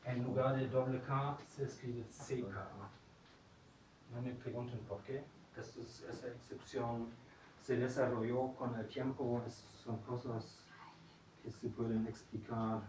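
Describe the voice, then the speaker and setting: Slow, patient teacher in echoey classroom. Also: male voice, mid-range voice, steady tone, darkish tone. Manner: patient, modeling words for repetition. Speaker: German teacher. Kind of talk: classroom pronunciation lesson. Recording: echoey room, distant mic, background noise.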